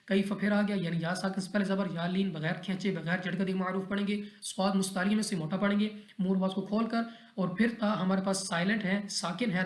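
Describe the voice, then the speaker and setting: A man teaching Quran recitation rules step by step in a methodical, repetitive way, often checking in with his listeners. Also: high-pitched. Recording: echoey roomy recording.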